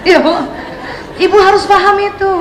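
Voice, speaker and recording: A high-pitched woman speaks to a hall full of mothers. She is lively and chatty, and she acts out little scenes between mother and child. The room echoes, with faint ambience behind her. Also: background noise. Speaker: parenting speaker. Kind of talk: talk to an audience of mothers. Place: hall with an audience.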